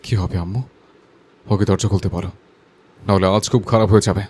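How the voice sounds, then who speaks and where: An actor playing a hot-tempered, jealous young man in an audio drama, pleading and shouting through a door. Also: sits low, steady tone, a little fast, a little hiss or hum, close to an everyday voice. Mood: furious. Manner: pleading then shouting threats.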